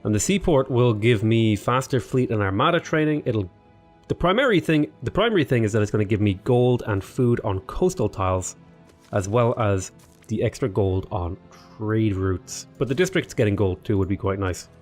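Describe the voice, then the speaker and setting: Soft music plays under this casual let's play commentary by a male gaming YouTuber. His voice is on the low side and expressive at a normal speed as he rambles, thinks aloud, and talks to units in a strategy game. A sniffle suggests he's a bit under the weather.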